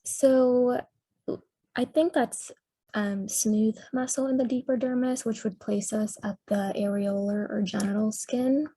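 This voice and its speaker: A woman's voice: a little high, steady tone, a little slow, mellow, breathy edge, no room sound. A woman resident answering questions in a case review over a video call, thinking aloud tentatively with many ums. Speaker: dermatology resident.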